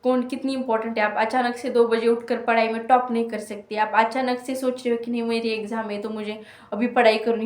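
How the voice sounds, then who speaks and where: A young woman telling a personal story in a casual, rambling vlog, with many fillers and restarts. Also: on the high side. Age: young adult. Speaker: student vlogger. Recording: echoey room.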